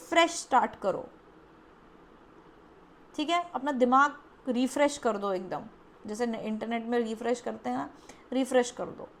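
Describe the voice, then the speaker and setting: A woman giving a pick-a-card tarot reading in a chatty, coaxing way, acting out the listener's doubts. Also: a little high. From India. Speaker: tarot reader.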